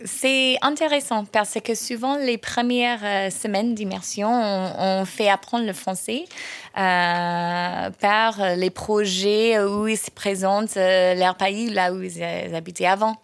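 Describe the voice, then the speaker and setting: A woman's voice: mid-range voice, fairly even intonation, takes it slowly, no echo. A woman teacher answering interview questions, hesitant with many fillers.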